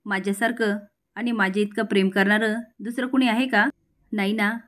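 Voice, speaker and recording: A woman's voice: medium pitch, steady tone, normal speed, fairly bright tone, natural voice. A woman reading a defiant obsessive girl. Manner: insistent, defiant. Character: obsessive, stubborn young woman.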